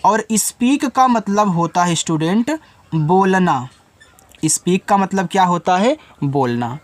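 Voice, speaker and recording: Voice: medium pitch, lively intonation, slow. A teacher giving a spelling lesson, sounding out English words letter by letter, explaining each step and asking students questions.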